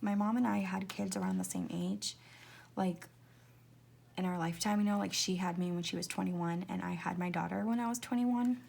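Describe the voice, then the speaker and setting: A planner vlogger in her twenties chats casually about decorating her planner, rambling and confiding, laughing often and dropping into soft whispers. Her voice is medium-pitched with vocal fry, and she speaks at a normal speed with fairly even intonation.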